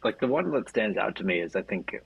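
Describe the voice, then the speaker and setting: A man co-hosting a casual sports podcast, speaking in a thoughtful, hedging, soft-spoken way. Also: fairly low pitch, expressive, a little fast, creaky, slightly rough, no room sound. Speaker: podcast co-host. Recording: dull lo-fi mic.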